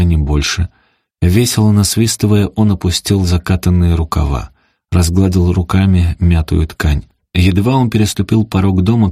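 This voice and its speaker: Low husky male audiobook narrator. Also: dry recording, clean studio sound. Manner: steady dramatic storytelling. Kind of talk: audiobook reading.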